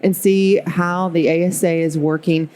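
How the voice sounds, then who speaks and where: Low mellow-voiced woman interviewer. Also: fairly even intonation, normal speed. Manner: upbeat, encouraging interviewer. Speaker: podcast host. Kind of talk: conference interview.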